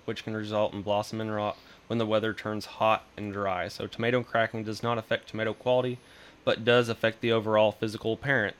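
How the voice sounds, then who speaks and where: Young man, extension guest; earnest read with stumbles, bright voice. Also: on the low side, clean tone. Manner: earnest, stumbles over words, starts sentences with "so". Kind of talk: reading an informational segment.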